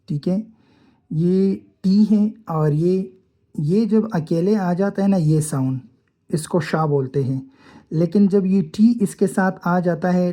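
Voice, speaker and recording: A woman's voice: lowish voice, warm tone. A woman teaching a phonetics lesson, explaining step by step and answering her own questions.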